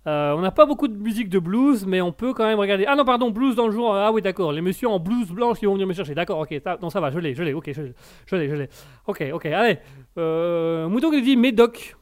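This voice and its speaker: A man's voice: high-pitched, animated, a little fast. A man hosting a live radio call-in show in a playful, joking way, often hesitating and restarting. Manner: playful, jokes with his own made-up characters; hesitant, with many fillers and restarts. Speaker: radio host. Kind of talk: casual live call-in chat.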